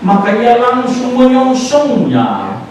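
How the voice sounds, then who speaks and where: Man, pastor, sermon, slows on key words, hissy distant recording. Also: very high voice, wildly swooping pitch, darkish tone, heavy reverb. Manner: preaching with rising emphasis, slows on key words; mixes in English phrases. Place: church sanctuary.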